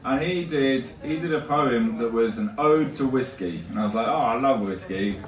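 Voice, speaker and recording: Rhythmic spoken word poet in an echoey room. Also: male voice, medium pitch, animated, normal speed, recorded from a distance. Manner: rhythmic, tongue-twisting rhyming delivery. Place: small stage with colored lights. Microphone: stand mic, filmed by a far camera.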